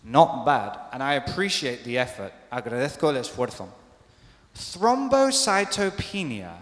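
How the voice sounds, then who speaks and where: Man, teacher, slow drilled pronunciation, bilingual, roomy hall echo. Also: mid-range voice. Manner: lively, drills words slowly, switches between English and Spanish. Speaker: English teacher. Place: hospital lecture hall. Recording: echoey hall with long reverb.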